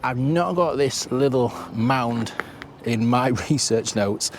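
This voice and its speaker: A man gives casual walking-tour commentary outdoors, chatty and full of restarts and asides to the viewer. His voice sits at an ordinary middle pitch. Clear music plays behind him. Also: slow pace. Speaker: travel vlogger and host. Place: outdoors, walking through town streets. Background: background music.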